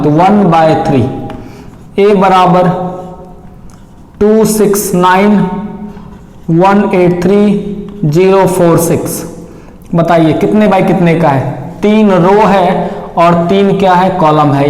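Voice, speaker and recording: Brief: a high-pitched male math teacher who quizzes the class and answers himself, in a roomy, echoing space. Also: a little mellow. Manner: repeats questions to the class and answers them himself. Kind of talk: classroom lecture. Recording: echoey room, long reverb.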